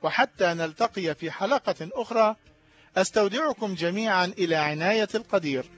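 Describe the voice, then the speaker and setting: A man giving an earnest, measured radio sermon, then signing off to his listeners. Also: high voice, fairly bright tone, muffled recording, faint music behind. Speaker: radio preacher.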